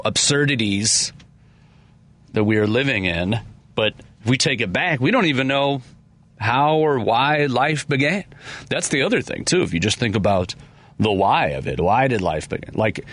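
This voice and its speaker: A man's voice: medium pitch, fairly bright tone, no room sound. A man hosting a talk radio show, talking casually in an easygoing way.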